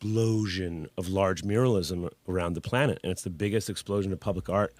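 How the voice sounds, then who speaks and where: A little fast and darkish in tone, this low male voice belongs to a guest artist in his forties. He's chatting in a casual interview, sharing his story openly and easygoingly, dropping the occasional swear word, with no echo on the recording.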